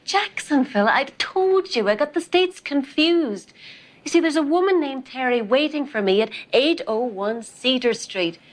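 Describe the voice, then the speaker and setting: A woman playing a naive, earnest angel in a TV drama, innocent and halting. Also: high-pitched, animated. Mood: flustered, earnest. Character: naive, earnest female angel stuck in human form. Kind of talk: TV drama acting. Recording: faint background noise.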